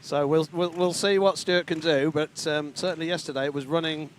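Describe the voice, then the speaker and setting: A man's voice: a little high, steady tone, fairly quick, a little hiss or hum. A man co-commentating as a tractor pull announcer, casual, conversational and bantering, speaking live outdoors. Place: outdoors at a tractor pulling event.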